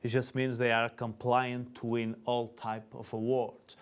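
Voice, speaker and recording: A Portuguese native speaker with a Portuguese accent serves as rules official and announcer at a school car race, explaining the rules and calling the lanes with some hesitation. His mid-range voice is smooth, flat and measured in this live event commentary.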